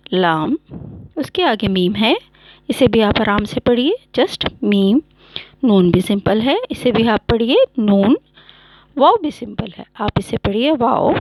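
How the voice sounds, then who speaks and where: A woman's voice: on the high side, no echo, rough recording. A woman teaching Quran reading, patiently sounding out letters one by one and repeating them. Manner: slow and clear, repeats each letter sound. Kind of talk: patient step-by-step lesson.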